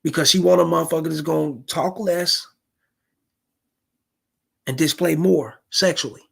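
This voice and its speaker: While reacting to a street clip, a man delivers blunt, profane dating advice aimed at the fellas. His voice is a little high, creaky, husky and fairly bright, at a moderate pace.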